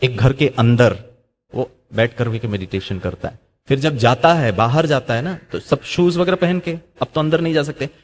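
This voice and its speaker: A man's voice: medium pitch, moderate pace. A middle-aged man giving a motivational talk. He slips English into Hindi, asks rhetorical questions and acts out the voices in his stories. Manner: acts out quoted voices while telling stories. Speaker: spiritual speaker.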